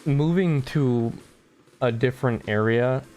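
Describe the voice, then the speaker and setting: Late at night, a sleepy, yawning man co-hosts a podcast, rambling sarcastically with lots of fillers in casual chat. His mid-range voice is a little mellow and slow, with a little hiss or hum in the recording.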